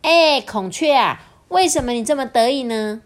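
A woman voicing a curious, cheeky little crow in a children's picture-book reading, asking bright, teasing questions. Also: a little high, expressive, moderate pace, pitched above the performer's own voice, close to an everyday voice.

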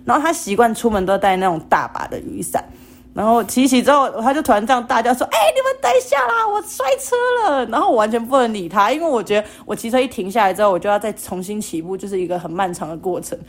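A young woman with a Taiwanese Mandarin accent, a podcast guest telling a funny story in a lively, laughing way. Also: mid-range voice, fast talker. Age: young adult. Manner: animated, laughing, acts out quoted lines. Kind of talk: casual storytelling chat.

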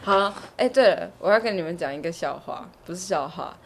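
Podcast co-host: young woman, Taiwanese Mandarin accent, slightly low voice, playful and giggly, casual, faint noise behind. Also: animated, a little fast. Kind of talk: casual chat.

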